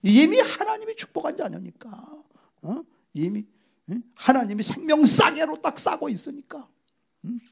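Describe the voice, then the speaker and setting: Korean pastor preaching with gravelly emphasis. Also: male voice, very high voice, sing-song, moderate pace. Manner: emphatic, swings from loud exclamations to hushed whispers. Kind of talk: sermon.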